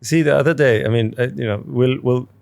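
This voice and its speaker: Guy from dubai hosting a podcast, thinks out loud, mid pitch, lots of restarts. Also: a little fast, creaky. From Dubai, UAE. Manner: reflective, thinks aloud with restarts. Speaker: podcast host. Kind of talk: casual interview conversation.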